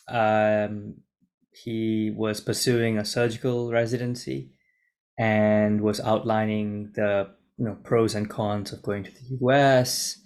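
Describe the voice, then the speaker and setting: A young man from Singapore, a junior doctor, reads loosely from a script in his own room, stumbling and restarting often. His voice is gravelly and sits on the low side, and he takes his time. The sound comes through a laptop mic on a video call. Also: a little mellow. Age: 20s. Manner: hesitant, many restarts and fillers. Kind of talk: casual talk to camera from a script.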